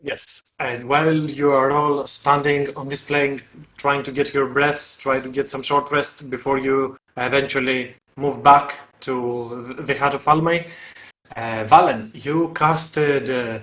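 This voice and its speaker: A man narrating a tabletop fantasy game as game master, improvising haltingly as he searches for words. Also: mid-range voice, level tone, a bit bright. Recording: roomy, slightly dull microphone sound.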